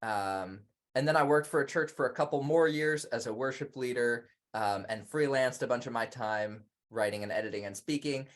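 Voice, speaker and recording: A man's voice: mid-range voice, normal speed. A man in his thirties, a podcast guest who grew up in Indonesia, talking casually in a chatty, self-deprecating way with many fillers. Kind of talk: casual conversation.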